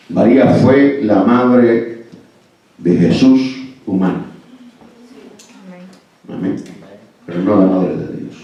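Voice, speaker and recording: A man from El Salvador, preaching a sermon as a pastor, emphatic and often asking "amén" and "¿verdad?". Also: on the low side. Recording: very echoey, distant, muffled church recording.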